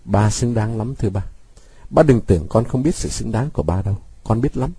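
A man's voice: on the low side, expressive, fairly quick, dark tone, breathy edge, no room sound, full character voice. A man voicing a bitter, defiant young man who mocks his father with sweet sarcasm. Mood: mocking. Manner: sarcastic, cutting, sweetly mocking.

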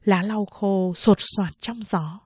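A woman narrating a novel as an audiobook, telling the story in a measured, even way. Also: medium pitch, slightly rough, no echo, clean studio sound. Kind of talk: scripted narration.

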